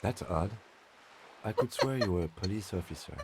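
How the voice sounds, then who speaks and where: An actor playing a calm, reserved police lieutenant who speaks in a measured, dry, understated way. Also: male voice, deep voice, heavy background noise.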